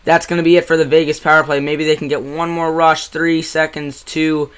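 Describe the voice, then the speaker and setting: A young man with a New Jersey accent gives amateur live hockey play-by-play. His voice is bright and sits a little high for a man. He calls plays quickly, gets loud on breakaways and saves, and drops into chatty asides to his viewers. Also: smooth. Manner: excitable on big plays, chatty asides to chat.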